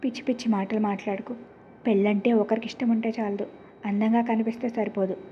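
A woman's voice: on the high side, flat delivery, fairly quick, muffled recording, slight background noise, close to an everyday voice. A woman voicing an angry young man who scolds and sharply turns away a cousin who keeps chasing him. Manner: stern, scolding, sharp retorts.

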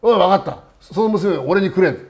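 A man's voice: high voice, expressive, a little fast. A man voicing a ragged wandering god who talks in terse, old-fashioned, blunt lines. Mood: demanding.

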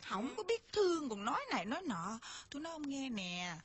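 A woman's voice: high-pitched, big pitch swings, a little fast. A woman playing a fretful, touchy pregnant wife in comic folk-opera, complaining and weepy. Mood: nagging complaint. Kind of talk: comic folk-opera acting with sung verses. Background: loud stage music.

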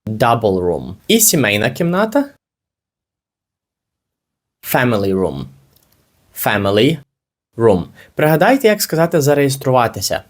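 A man teaching an English lesson, explaining with energy and saying the model phrases slowly and carefully. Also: mid-range voice, big pitch swings.

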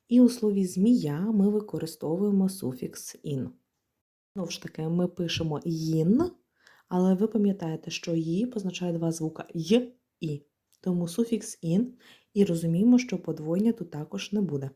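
A woman's voice: lowish voice, warm tone. A woman teaching a grammar lesson, explaining rules step by step and spelling out letters and example words. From Ukraine. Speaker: language teacher.

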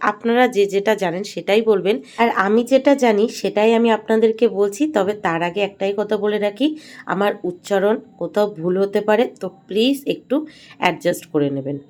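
This is a middle-aged woman with a Bengali accent, narrating her own home video. She explains each step gently and carefully, in a patient, instructive tone, like a vlogger guiding her viewers. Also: mid-range voice. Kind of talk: voice-over explaining a home ritual.

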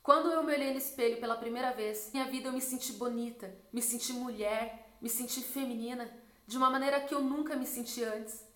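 A woman's voice: brisk, roomy sound. A woman in her twenties, a missionary, telling her personal testimony in an earnest storytelling way. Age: 20s. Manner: earnest storytelling, drops soft and low when quoting God.

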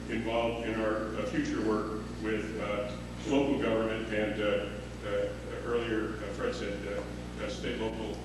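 Middle-aged guy at a podium, lots of uhs, really echoey hall, humming in the background. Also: medium pitch. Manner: hesitant, many "uh" fillers and restarts. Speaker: conference panelist. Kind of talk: unscripted remarks at a podium. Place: large wood-paneled conference hall. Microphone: podium microphone. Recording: echoey hall audio from a distant mic, with hum.

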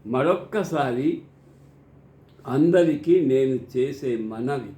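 An older man reciting scripture and explaining it in a slow, earnest, preacherly way, as a devotional teacher. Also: mid-range voice, lively intonation, dark tone, echoey room.

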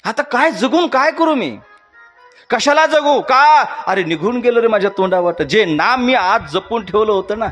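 A man's voice: lively intonation, normal speed, fairly bright tone, soft background music. A man playing a weeping devout king. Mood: despairing. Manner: high, anguished wailing to God. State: crying.

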